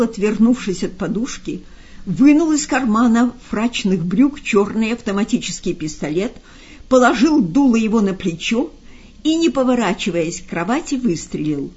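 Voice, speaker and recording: A woman narrating a novel aloud with measured expression. Her voice is mellow and breathy, and the recording sounds slightly dull and lo-fi. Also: mid-range voice. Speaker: audiobook reader. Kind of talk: literary audiobook narration.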